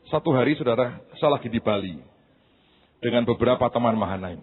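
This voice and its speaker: A man preaching with a husky, breathy voice that climbs into high shouted passages and drops to quiet asides. He tells funny stories and acts out what people said. The sound is thin and narrow, like a phone line. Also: animated, brisk. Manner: tells humorous anecdotes and acts out quoted voices. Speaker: pastor. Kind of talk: sermon.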